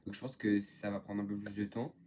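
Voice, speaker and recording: In a laid-back vlog, a teenage YouTuber from northern France responds to viewer questions, chatty, digressive and full of fillers. The voice is lowish, mellow and steady in tone, moving fairly quickly, with a little hiss or hum present.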